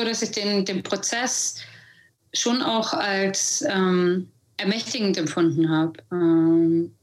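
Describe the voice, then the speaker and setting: A young woman from Germany in her twenties answers a podcast host's question. She speaks very slowly, searching for her words and often pausing on filler sounds. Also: fairly low pitch, poor audio. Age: 20s. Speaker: podcast guest. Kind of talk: podcast interview.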